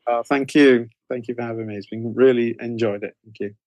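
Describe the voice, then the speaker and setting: A middle-aged man, the guest author in an interview about his writing career, talks informally and keeps hesitantly rephrasing what he says. His mid-range voice is steady, fairly quick, and darkish in tone. The recording has no echo but sounds muffled.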